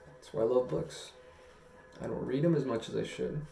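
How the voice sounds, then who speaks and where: This young adult vlogger from Guam tells a personal story to camera in a slow, earnest, halting manner with long pauses. His medium-pitched voice is mellow and laden with fry. He records indoors in a small room at home, with a roomy echo and faint music.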